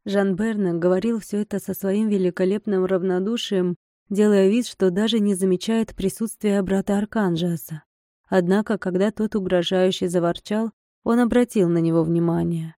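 A woman narrating an audiobook in a steady, even storytelling manner. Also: medium pitch, normal speed, no room sound, studio quality. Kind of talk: scripted narration.

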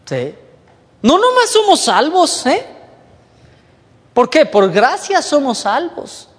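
A man preaching to a youth group, lively and conversational, mimicking whiny young voices and dropping low for emphasis. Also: slow, long reverb tail. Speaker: youth pastor. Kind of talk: sermon.

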